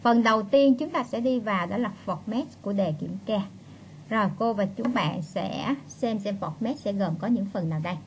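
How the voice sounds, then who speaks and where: A woman teacher, reviewing for an exam and repeating key phrases, reading English instructions slowly. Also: on the high side, a little hiss or hum, rough recording.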